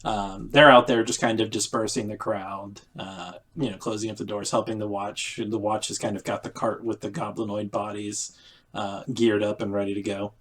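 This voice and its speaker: A man's voice: lowish voice, little pitch movement, moderate pace, a bit bright, husky. A man narrating as game master in a loose, casual way, with many fillers.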